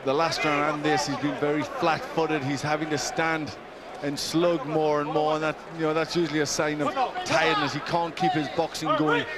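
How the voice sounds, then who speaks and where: Male boxing analyst, a touch high, conversational expert summary, very noisy crowd behind. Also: level tone, moderate pace, hardly any pauses. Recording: loud crowd and noise behind commentary.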